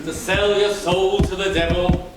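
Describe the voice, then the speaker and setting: A man's voice: high voice, level tone, unhurried, over music. A man playing a stern, scheming wealthy father in a pantomime, declaiming pompously in rhyme. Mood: scolding, menacing. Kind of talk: rhyming stage pantomime villain acting. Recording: distant, very echoey, noisy stage recording.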